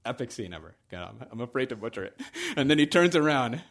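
A man preaching a sermon in a conversational way that builds to excited emphasis. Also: mid-range voice, fast.

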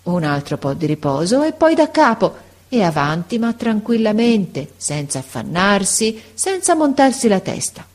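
A woman's voice: medium pitch, big pitch swings, unhurried, hardly any pauses, a little mellow, pitched above the performer's own voice. Woman reading as a tender, ailing old teacher. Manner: tender, sighing, encouraging. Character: sick old male schoolteacher, affectionate and weary.

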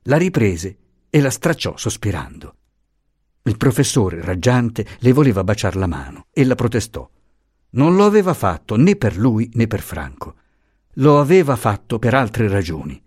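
A man narrating an audiobook of a classic novel with a lively, theatrical delivery. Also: lowish voice, moderate pace, breathy edge, no echo, clean studio sound. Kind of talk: expressive reading of a classic novel.

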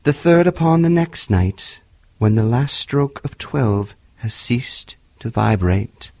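A man voicing the mournful, stern ghost of a dead miser, declaiming slowly with anguish. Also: mid-range voice, a little mellow, no echo, exaggerated voice.

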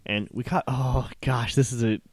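A man's voice: mid-range voice, fairly even intonation, moderate pace, a little mellow, dry recording, clean studio sound. A young man hosting a podcast, telling a long story in casual chat, full of fillers. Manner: rambling storyteller, many fillers. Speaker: podcast co-host.

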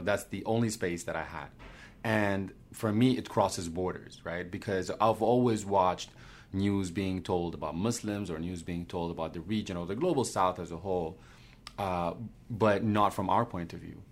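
Deep-voiced Sudanese man, halting speech. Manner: repeats words while thinking, many "you know"s. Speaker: guest cartoonist. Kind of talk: conversational interview answers.

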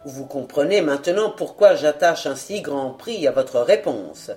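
A woman's voice: low-pitched, expressive, a little slow, darkish tone, pitched below the performer's own voice. A woman doing a grave, firm male detective.

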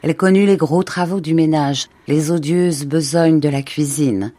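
A woman narrating a classic short story in a measured, expressive reading voice. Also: low-pitched. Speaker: audiobook narrator. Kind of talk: literary narration.

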